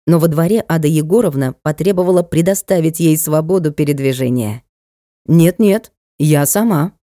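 Woman reading a novel, low and warm. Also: no room sound, studio quality. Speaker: audiobook narrator.

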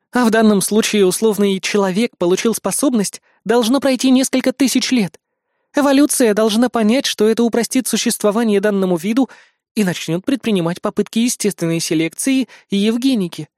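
A man's voice: sits high, darkish tone, dry recording, clean studio sound, voice pushed up, natural voice. Man playing a haughty, cold young queen. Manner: cold, curt, mocking. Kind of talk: audiobook character voice.

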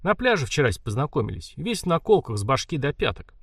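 A man's voice: fairly high pitch, sing-song, quick pace, slightly rough, no room sound, studio quality, heavily acted. A man voicing a gloomy hard-drinking crook. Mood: gruff. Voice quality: slangy storytelling.

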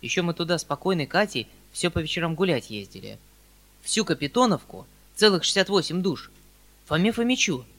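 A man voicing a flustered, kindly old country landowner who talks in a hurried, fussy, pleading way. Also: a little high, very animated, a bit bright, pitched above the performer's own voice.

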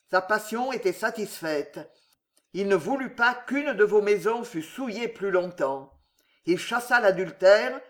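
A man voicing a scheming young nobleman who mocks his elder brother with false deference, in a storybook reading. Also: high voice. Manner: mocking, hissing, falsely deferential.

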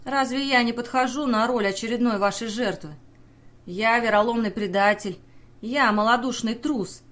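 A desperate young sailor pleads and accuses in an intense, pressing voice, as a woman reads him in an audiobook. The delivery sits at a medium pitch, urgent and searching. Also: fairly bright tone, close to an everyday voice. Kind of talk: audiobook character reading.

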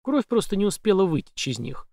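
A man narrating a first-person thriller audiobook in a measured, dry storytelling manner. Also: high-pitched, very animated, creaky, darkish tone, no echo. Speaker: audiobook reader.

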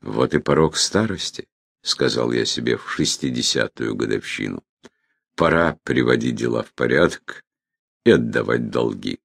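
Super deep gravelly guy reading an audiobook, slow and thoughtful, voice rises and falls a lot. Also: lively intonation, fairly bright tone, dry recording, clean studio sound. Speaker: narrator reading a memoir. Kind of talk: scripted audiobook narration.

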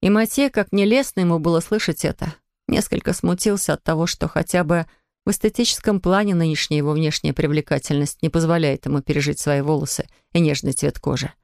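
A woman narrating a literary novel in an even, measured storytelling voice. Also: low-pitched, no room sound, clean studio sound. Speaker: audiobook narrator.

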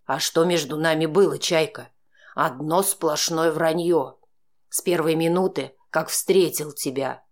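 A woman's voice: fairly even intonation, unhurried. Woman voicing a sneering, menacing drunk man. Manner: mocking, threatening, low and sneering. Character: menacing drunk young man, jealous, cruel. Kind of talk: audiobook character reading.

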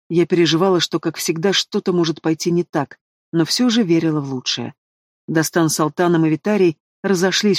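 A man narrating a first-person fantasy audiobook with an expressive, dramatic reading, recorded close to the microphone. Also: on the high side, no room sound.

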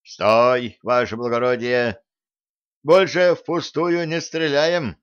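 A man voicing bold, stubborn armed peasant men who shout back loudly and cheekily. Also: medium pitch, animated, slow pace. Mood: defiant, cheeky. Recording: slightly dull recording.

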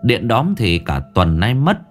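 A man narrating a ghost story in a grave, expressive storytelling voice. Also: fairly low pitch, measured pace, faint music behind.

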